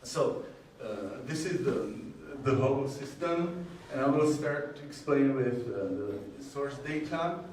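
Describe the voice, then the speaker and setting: A man with a Czech accent presents technical material at a conference, heard from a distance in a very echoey room. He talks slowly and hesitantly at a medium pitch, breaking his phrases with many pauses. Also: animated, darkish tone. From Czech Republic. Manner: hesitant, halting delivery with frequent long pauses. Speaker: conference presenter, university groundwater modeler. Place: indoor presentation room with strong echo. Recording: echoey hall, distant mic, faint noise.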